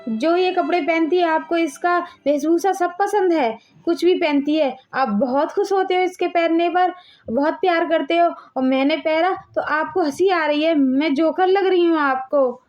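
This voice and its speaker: A woman's voice: very high voice, normal speed, darkish tone, highs cut off, soft background music. A woman playing a jealous, plaintive first wife. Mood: hurt. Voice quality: plaintive, complaining. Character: jealous first wife, scheming then hurt. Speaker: first wife in a family skit. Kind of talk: amateur family skit acting.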